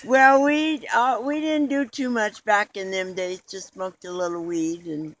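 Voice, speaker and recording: A man's voice: high-pitched, fairly even intonation, measured pace, fairly bright tone, poor audio. A man being interviewed in a mock documentary, talking in an earnest, rambling way with restarts.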